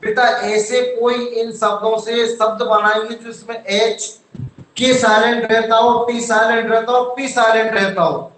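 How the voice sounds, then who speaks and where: Male teacher, high voice, slow dictation style, echoey room. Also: flat delivery, a bit bright, slight background noise. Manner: slow, spells words letter by letter, calls students "beta". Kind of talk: online class lesson.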